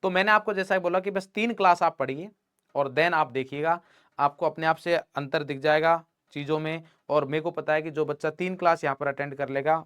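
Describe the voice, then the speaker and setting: A man's voice: on the high side, fairly bright tone, clean tone, no room sound, studio quality. A young man teaching chemistry in an online class, teasing and joking with his students. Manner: playful teasing, talks to students as "beta".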